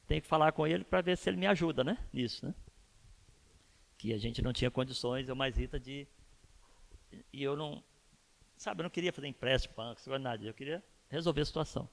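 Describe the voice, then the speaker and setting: A man's voice: a little high, fairly quick, creaky, long pauses. A man, a pastor telling a personal story in a conversational church sermon and asking his listeners rhetorical questions. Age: 50s.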